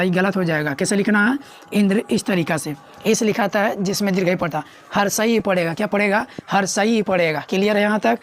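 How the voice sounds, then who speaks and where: A woman teaching a grammar lesson, often asking the class a question and answering it herself. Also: mid-range voice. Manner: repeats questions to students, coaxing.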